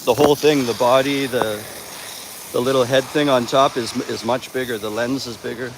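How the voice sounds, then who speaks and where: A man chats loosely on a walk, with plenty of fillers and restarts. He speaks at a middling pitch for a man. His phone picks him up outdoors, and loud road traffic runs behind him. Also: steady tone, moderate pace. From Canada. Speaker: vlogger and host. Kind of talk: casual walking livestream chat. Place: outdoors on a busy roadside. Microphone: phone held while walking. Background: passing vehicles and street noise.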